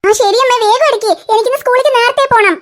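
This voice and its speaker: A woman's voice: very high voice, very fast. A woman voicing a bossy, teasing teenage older sister in a cartoon. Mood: chiding. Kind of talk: cartoon voice acting.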